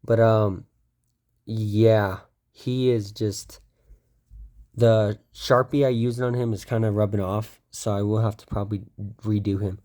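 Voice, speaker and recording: In an unhurried show-and-tell, a young man with a fairly low, dark voice and fairly even intonation walks through his toy collection. His cold leaves him slightly stuffy, and he keeps rambling, saying um and correcting himself.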